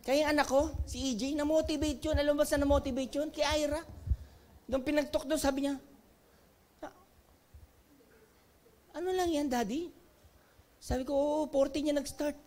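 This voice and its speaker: A middle-aged Filipino man with a Filipino accent, a company president giving a motivational seminar talk, animated and acting out dialogue with laughs. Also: extremely high pitch, brisk. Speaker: network marketing company president.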